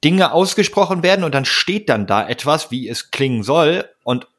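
A man co-hosting a casual podcast chat, tossing in quick joking interjections. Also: on the high side, fairly bright tone. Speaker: podcast co-host.

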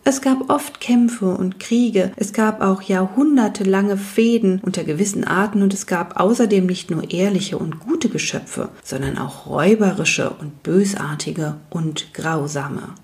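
A woman reading a fantasy storybook aloud as narrator, in a calm, even storytelling manner. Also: mid-range voice, a little slow, hardly any pauses. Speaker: audiobook narrator.

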